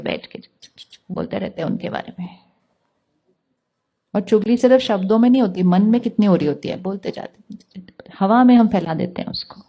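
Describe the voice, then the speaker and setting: A woman giving a calm spiritual talk, putting questions to her listeners and answering them herself. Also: medium pitch, dull audio. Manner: calm, asks the audience rhetorical questions. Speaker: spiritual teacher.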